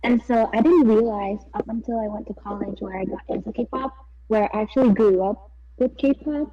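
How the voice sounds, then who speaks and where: A woman's voice: on the high side, moderate pace, mellow. A young woman from Thailand, chatting casually on a podcast and rambling giggly through a story with many fillers. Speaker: podcast co-host. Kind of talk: casual chat. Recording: dull, distant mic.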